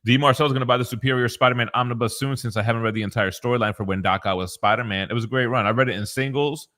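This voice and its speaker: A man in his thirties co-hosting a live stream, casually chatting and reading viewer comments aloud in a relaxed, joking way. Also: mid-range voice, rapid-fire. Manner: reads chat comments aloud, laid-back and joking. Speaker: co-host.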